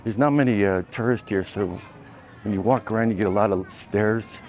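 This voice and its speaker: With a handheld camera filming from his point of view, a travel vlogger walks outdoors beside a beach and along dirt roads. He speaks at normal speed in a voice on the low side, rambling in a relaxed, casual way and correcting himself.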